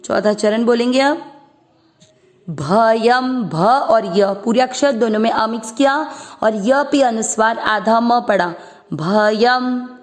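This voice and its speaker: Woman teacher, slightly high voice, unhurried syllable-by-syllable recitation lesson. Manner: patient, drawing out syllables when chanting the verse. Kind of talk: slow syllable-by-syllable pronunciation lesson.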